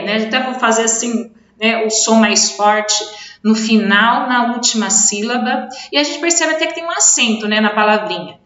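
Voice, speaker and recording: Brazilian woman, schoolteacher, patient and repetitive delivery, bright tone, echoey lo-fi recording. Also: on the high side. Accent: Brazilian Portuguese. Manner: patient, explains slowly, repeats words and stresses syllables. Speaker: teacher. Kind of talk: remote video lesson for children. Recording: echoey room, dull lo-fi sound.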